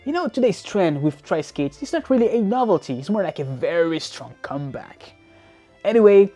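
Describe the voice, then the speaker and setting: A man's voice: high-pitched, mellow. A man from France, a guest telling a skating story in a chatty, enthusiastic way. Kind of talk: casual guest segment. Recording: faint music behind.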